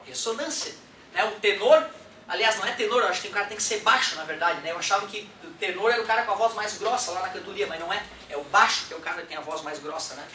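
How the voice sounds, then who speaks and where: A man teaching a casual music lesson, animated and chatty, often checking in with his listeners. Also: high voice, quick pace, slight background noise. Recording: roomy echo from a distant mic.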